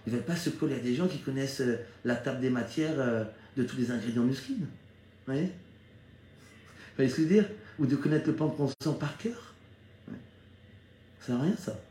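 In a roomy, echoey recording with a little hiss or hum, a middle-aged Strasbourg man, a network marketing leader, casually shares his career story as motivation. His soft, mellow voice sits at medium pitch and a moderate pace with frequent pauses, and he often checks in to win his listeners' agreement, mentor-style.

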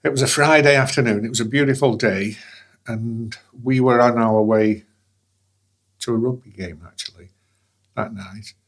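A man, speaking in a measured way with restarts in an interview. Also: mid-range voice. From England. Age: 60s. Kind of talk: conversational interview.

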